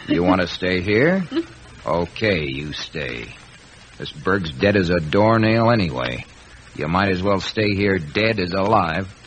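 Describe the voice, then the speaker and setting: A man's voice: sits low, animated, unhurried, a bit bright. An actor playing a cool, menacing American gangster killer with slangy, taunting tough-guy talk in an old radio drama. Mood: taunting, threatening. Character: cool, menacing gangster killer sweet-talking his frightened girl. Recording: noisy vintage radio recording.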